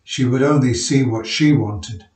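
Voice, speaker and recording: A man's voice: medium pitch, a little mellow, roomy sound, far from the mic, lightly acted. A man voicing a big, indolent miner husband who talks easily and unhurriedly. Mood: solemn. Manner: easy, slow-witted, unhurried.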